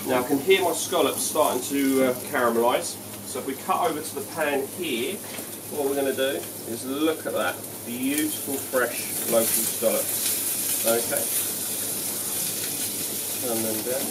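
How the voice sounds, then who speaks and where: At a measured pace and medium pitch, a head chef walks through a dish in a cooking demonstration, calm and explanatory, often saying "um" and "okay." He's recorded by a camera mic from a few feet away in a cavernous, echoey restaurant kitchen, with frying pans sizzling and staff clattering loudly in the background.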